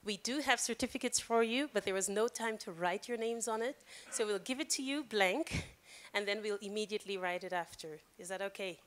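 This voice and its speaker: A woman's voice: medium pitch, a little fast, a bit bright. A woman hosting an event, announcing prize winners in an upbeat, chatty way. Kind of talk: ceremony announcing.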